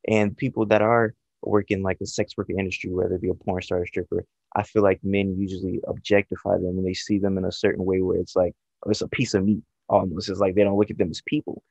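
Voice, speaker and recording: Low, gravelly man explaining himself. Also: flat delivery, quick pace, hardly any pauses, darkish tone, no room sound, lo-fi sound. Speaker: video channel creator and interviewer. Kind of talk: reflective interview talk.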